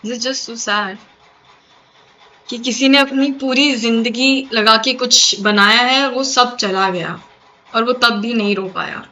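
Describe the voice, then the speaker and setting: A woman's voice: fairly high pitch, slow, pushed and bright, dull audio. A woman hosting a reaction video, giving chatty commentary that switches between Hindi and English.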